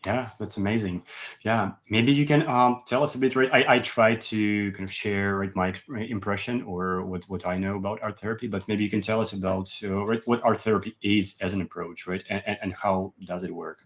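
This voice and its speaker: A man's voice: fairly low pitch, steady tone, brisk. A man hosting a webinar as a psychotherapist, speaking hesitantly with many ums and restarts over a video call. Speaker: host psychotherapist.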